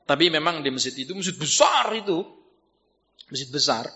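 A man giving a religious lecture as preacher, telling stories and swinging between low, muttered asides and loud exhortation. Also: big pitch swings, slow. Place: mosque hall. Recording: dull, reverberant mosque hall recording.

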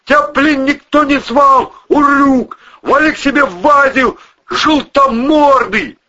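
A man reading aloud, voicing a panicky, foul-mouthed young gangster who yells and swears in slang. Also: extremely high pitch, big pitch swings, a little slow, creaky, breathy edge, dull audio, pitched above the performer's own voice, full character voice.

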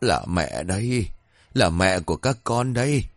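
A man voicing a greedy fake village medium woman who bosses people briskly and fakes a dead mother's voice. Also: deep voice, expressive, no room sound, heavily acted. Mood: feigned tender. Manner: brisk and bossy, then feigning a dead mother's voice.

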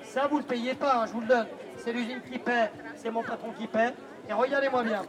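A man hawking at a street fair with loud barker's patter, insistent, repetitive and teasing toward his listeners. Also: extremely high pitch, steady tone, a little fast. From France. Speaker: street-fair perfume pitchman. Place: outdoors at a busy street fair. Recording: outdoor street fair with crowd noise.

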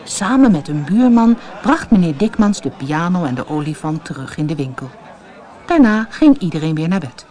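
A woman's voice: on the low side, darkish tone. A woman reading a children's fairy tale aloud as a storybook narrator, telling it expressively.

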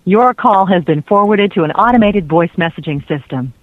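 A man playing an automated voicemail announcement over a phone line, in a flat recorded manner. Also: sits high, moderate pace, slight background noise, pitched above the performer's own voice. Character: automated voice mail system.

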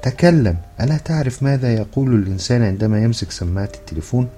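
A man voicing a wife who nags her husband for romance, quoted in an even reading voice. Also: low voice, fairly quick, faint music behind, close to an everyday voice. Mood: insistent. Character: nagging romantic-minded wife.

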